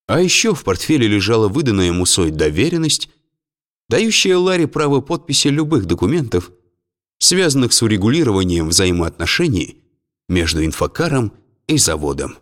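A man narrating an audiobook in a steady, expressive storytelling manner. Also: on the low side, normal speed.

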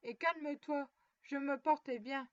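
A woman voicing a tender, grieving imprisoned mother who speaks softly and soothingly. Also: high voice, measured pace. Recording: dull dry lo-fi recording.

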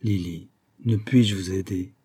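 A man's voice: deep voice, unhurried, mellow, breathy edge. A man reading an earnest, grave young lawyer. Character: earnest young male lawyer, serious and tender. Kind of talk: audiobook reading.

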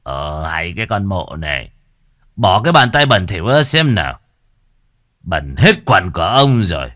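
A man's voice: extremely low pitch, sing-song, drawn-out words, creaky, bright, forceful tone, dry recording, clean studio sound, pitched below the performer's own voice, full character voice. A man voicing a crude, heartless old village chief who curses and barks orders with contempt. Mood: contemptuous. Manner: barking, cursing, contemptuous. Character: cruel, crude old male village chief, pompous and foul-mouthed.

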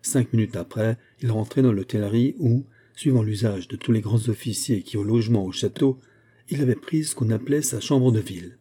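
Male audiobook narrator, measured, very dark and husky. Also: lowish voice.

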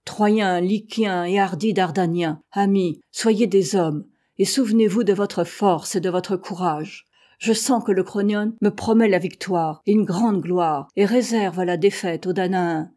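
Boastful warrior chief barking taunts and orders, low and warm in tone, voiced by a woman reading an epic aloud. Forceful and proud, his speeches carry a steady commanding weight. Told as an audiobook reading. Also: unhurried, close to an everyday voice. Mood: taunting. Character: boastful male Trojan warrior chief, fierce.

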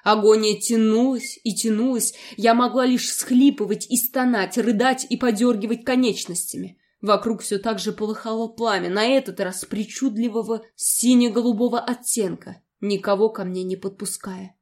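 A woman narrating a first-person fantasy audiobook in an expressive, dramatic way. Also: a little high, normal speed, hardly any pauses.

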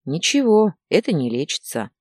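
A woman voicing a calm, tired young man who answers quietly in an audiobook story. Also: deep voice, moderate pace, no echo, clean studio sound. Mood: subdued.

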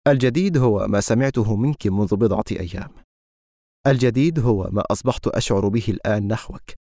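A man's voice: fairly low pitch, darkish tone, no room sound, clean studio sound, natural voice. A man playing an earnest, insistent young man.

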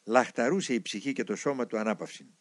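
A man reading a monastic memoir aloud in a measured, reverent way, recorded on a close mic. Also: mid-range voice, dry recording.

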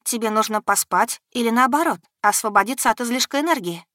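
A woman voicing a lively, caring young heroine with eager, animated speech. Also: fairly high pitch, fast, no echo, clean studio sound, voice pushed up, lightly acted.

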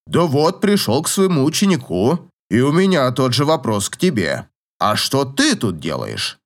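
In an audiobook, an older man voices a gruff old professor who teases, grumbles, and chuckles in a slow drawl. His mid-range delivery is very animated, with a wry mood.

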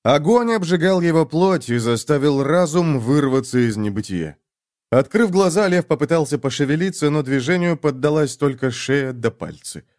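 A man's voice: on the high side, expressive, normal speed, a little mellow, no echo, studio quality. Man reading a story aloud. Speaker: narrator. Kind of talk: audiobook reading.

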